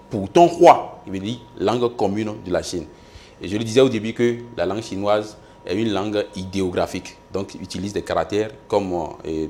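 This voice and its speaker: A man lecturing in a recorded university video lesson, speaking slowly and carefully and modelling pronunciation for students to repeat. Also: a little mellow. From Benin. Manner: slow, careful teaching, drawing out and pitching up the tones he models.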